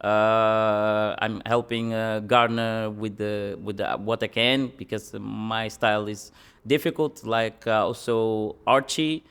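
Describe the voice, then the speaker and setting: A young man, a professional boxer answering interview questions in halting English full of pauses and fillers. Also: on the low side, steady tone, fairly bright tone, clear, resonant tone. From Portugal.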